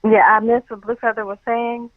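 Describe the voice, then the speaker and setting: A caller on a live call-in show, chatting in a relaxed, conversational way. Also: medium pitch, moderate pace, no echo. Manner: relaxed, conversational, trailing "you know". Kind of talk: casual call-in chat. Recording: tinny dry phone line.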